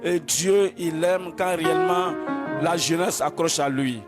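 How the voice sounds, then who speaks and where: A man's voice: on the high side, fairly even intonation, measured pace. A man leading worship as pastor, preaching fervently and slipping into chanted praise. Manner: exhorting, declamatory, slips into chanting. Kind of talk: fervent sermon with sung praise. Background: loud church music.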